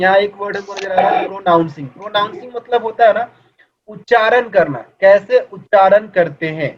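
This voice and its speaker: High-voiced man teaching a class. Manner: explains in Hindi, reads English lines slowly; asks students questions as if in class. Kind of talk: online class lecture. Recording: dull lo-fi recording.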